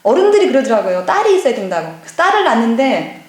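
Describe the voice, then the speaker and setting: A middle-aged woman, a pastor's wife, giving a lively personal testimony at a church seminar and acting out past conversations. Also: a little high, fast. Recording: echoey church hall.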